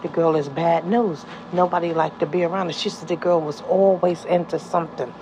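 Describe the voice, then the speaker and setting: Rambling New woman, low voice. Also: steady tone, brisk, noisy background. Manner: rambling, repeats "you know what I mean". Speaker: caseworker and foster parent. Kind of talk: emotional personal storytelling vlog.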